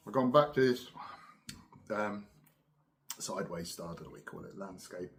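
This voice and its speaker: A middle-aged man with a southern English accent, chatting casually and unhurriedly to camera, musing with pauses between puffs on a pipe. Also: deep voice, animated, creaky, slight background noise. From Cambridge, England. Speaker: pipe-smoking video host. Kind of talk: casual rambling solo chat.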